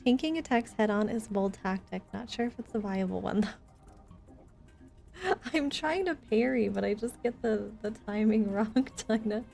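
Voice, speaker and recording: Game music plays while a female streamer chats with her viewers, mock-complaining playfully and tossing out short exclamations. Her mid-range voice is expressive and unhurried, with a creaky, darkish quality.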